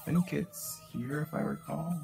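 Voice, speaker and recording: A man's voice: on the high side, unhurried, vocal fry, darkish tone. A man casually chatting while playing a video game, wry and playful. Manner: wry, playful, reads game lines aloud. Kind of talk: casual gameplay chat. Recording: faint game music behind.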